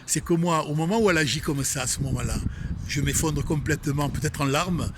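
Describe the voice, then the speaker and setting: Preaching outdoors in front of a tree, this emphatic spiritual speaker from Marseille talks a little fast in a voice on the high side. His inspirational religious talk repeats itself and addresses listeners directly, with a noisy background.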